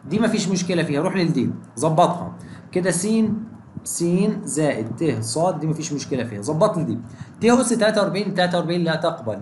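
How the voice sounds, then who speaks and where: Egyptian man teaching math, very animated delivery, quizzing students as he goes, echoey room. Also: a little high, a little hiss or hum. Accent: Egyptian Arabic. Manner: energetic, keeps asking students questions. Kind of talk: exam exercise walkthrough.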